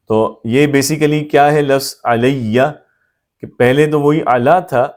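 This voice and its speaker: A man's voice: medium pitch, darkish tone. Patient male Arabic grammar teacher. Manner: patient, repeats forms, checks understanding often. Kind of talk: explanatory grammar lesson.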